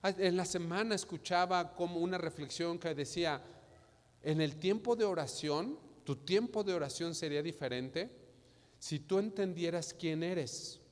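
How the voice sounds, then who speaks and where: A Mexican pastor delivers a sermon in a voice that sits a little high for a man. He asks his listeners question after question and slips into imagined dialogues. His words ring out with a long reverb from the church hall. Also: a little slow. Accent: Mexican Spanish. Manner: preaching with rhetorical questions, acting out imagined dialogues.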